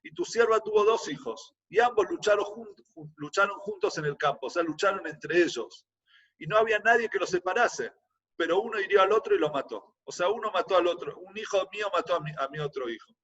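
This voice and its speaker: A man's voice: sits high, fairly bright tone, husky, recorded from a distance, muffled recording. Argentine man teaching a Bible class. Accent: Argentine Spanish. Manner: reads a verse, then explains it in plain everyday words; halting, repeats words as he searches. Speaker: Torah teacher. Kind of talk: Bible class reading and explaining the text.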